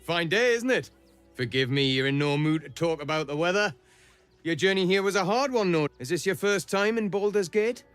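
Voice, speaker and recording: A man's voice: high-pitched, animated, normal speed, fairly bright tone, clean tone, no echo, faint music behind. Folksy game townsman, close and dry. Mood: courteous, wry. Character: friendly-seeming male townsman helping newcomers. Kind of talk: video game character acting.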